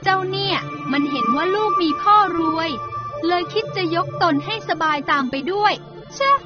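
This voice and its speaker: A woman's voice: very high-pitched, moderate pace. A woman playing a coy, two-faced young rich man's daughter in a dramatised story, with a cutesy girlish manner. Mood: spiteful. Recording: dull lo-fi audio with clear music behind.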